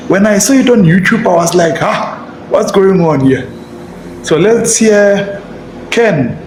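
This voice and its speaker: A man's voice: a little high, reverberant, background noise. A man hosting a casual live-stream discussion, joking and addressing his audience as family. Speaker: host.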